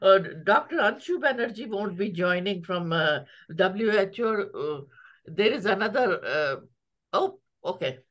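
Halting woman moderating a webinar. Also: mid-range voice, animated. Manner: halting, many restarts. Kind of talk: moderating a video call.

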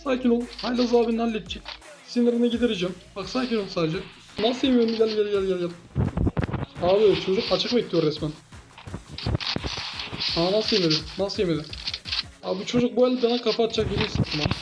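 A man giving excitable gameplay commentary as a gaming YouTuber, teasing his opponent with playful trash talk. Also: high-pitched, quick pace, pauses often, loud music behind the voice, low-quality recording.

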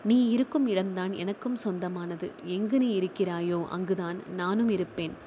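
A woman's voice: fairly low pitch, normal speed, dark tone, slight background noise, close to an everyday voice. Woman reading as a remorseful, pleading young man. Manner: pleading, pained.

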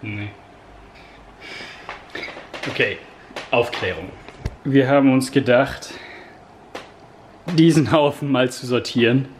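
A man's voice: medium pitch, slow, pauses often. Laid-back young man in an echoey room. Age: 20s or 30s. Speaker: vlogger's partner and co-host. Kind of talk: casual vlog chat. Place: sparsely furnished rooms at home. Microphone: handheld vlog camera. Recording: echoey bare room, some background noise.

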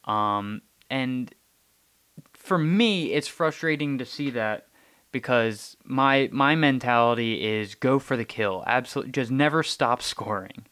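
A man's voice: medium pitch, takes it slowly, a bit bright, clear, resonant tone. A young man hosting a podcast, chatting casually about hockey, often repeating words while he thinks. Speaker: podcast host. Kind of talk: casual sports chat.

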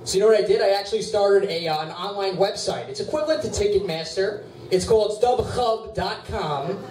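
A man's voice: high voice, fairly quick, darkish tone, slight background noise. A young man performing a stand-up set in a bar, with a whiny voice and crude, self-mocking punchlines. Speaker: stand-up comedian. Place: bar stage. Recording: roomy bar from far off, clear ambience.

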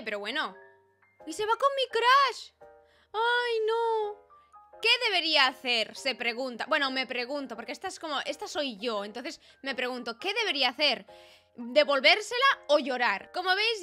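A woman with a Peninsular Spanish accent chats her way through a let's-play, her voice high and bright as she exclaims over each choice. Faint music plays behind her. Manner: chatty and exclamatory, reading game choices aloud. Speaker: gaming video host. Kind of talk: casual let's-play commentary.

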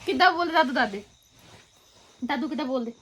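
A woman chatting casually in a home vlog, animated and repeating herself as she coaxes. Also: high-pitched, fast talker. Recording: very noisy home phone recording.

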